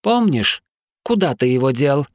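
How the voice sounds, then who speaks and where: A man voicing Lars, a Dutch man who pleads with and calmly reasons with a friend. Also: medium pitch, a little slow, dry recording, studio quality, pitched above the performer's own voice. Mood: coaxing.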